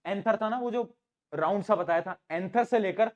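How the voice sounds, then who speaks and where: Male tutor, high voice, fast-talking, playful question-and-answer delivery, online exam-prep lesson. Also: lo-fi sound. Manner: playful, asks questions and answers them himself; calls students "beta", mixes English terms into Hindi. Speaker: teacher.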